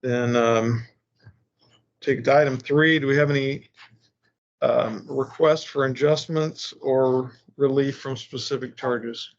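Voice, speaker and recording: A man chairing a public board meeting, speaking procedurally and haltingly as he works through formal business. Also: mid-range voice, fairly even intonation. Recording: muffled, band-limited meeting recording.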